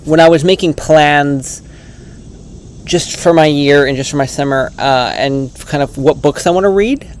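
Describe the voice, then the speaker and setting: A man's voice: a little high, unhurried, a little hiss or hum. Earnest rambling man reviewing books. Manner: earnest, rambling, many restarts. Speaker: book reviewer. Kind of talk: casual vlog book review.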